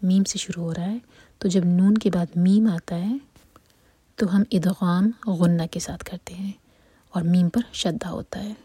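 A woman teaching Quran recitation in a steady whisper, explaining each step slowly and methodically and mixing English terms into her explanations. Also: on the low side, slightly rough, no echo. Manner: whispers throughout, slow and methodical. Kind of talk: whispered tutorial.

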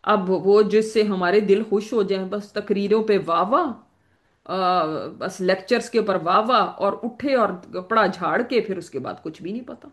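A woman lectures as a Quran teacher, in a voice of ordinary middle pitch for a woman. She lays out her points patiently, works through examples and poses rhetorical questions to her listeners. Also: unhurried. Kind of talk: religious lecture.

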